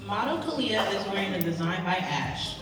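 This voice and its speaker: A woman's voice: mid-range voice, expressive, moderate pace. A woman working as a fashion show emcee, announcing models and describing their outfits over a sound system. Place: large echoing hall at a live show. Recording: echoey hall PA, far off, loud music, crowd. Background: loud music and crowd noise.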